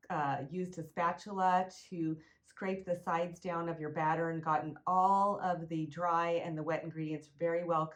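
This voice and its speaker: A middle-aged woman hosting a cooking video, giving friendly, chatty step-by-step instructions. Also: lowish voice. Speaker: cooking show host. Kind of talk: recipe demonstration.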